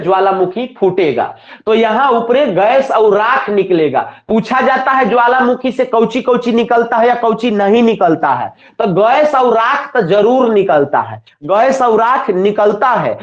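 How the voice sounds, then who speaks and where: A man with a Bihari Hindi accent giving a classroom lecture, asking his students questions, answering them himself and repeating the key terms. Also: extremely high pitch. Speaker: teacher. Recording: echoey, dull lo-fi room sound.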